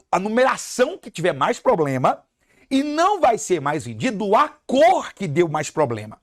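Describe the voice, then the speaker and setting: Brazilian math teacher, patient step-by-step explainer, animated delivery. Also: mid-range voice. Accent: Brazilian Portuguese. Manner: reads the problem aloud then explains it step by step, calls students "galerinha". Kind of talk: exam-review lesson reading out a question.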